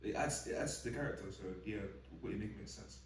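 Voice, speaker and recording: A man's voice: fairly low pitch, fast, a little hiss or hum. A young man speaking as a podcast guest in casual chat, laid-back and hesitant with many "um"s. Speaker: guest actor. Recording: roomy sound from a distant mic.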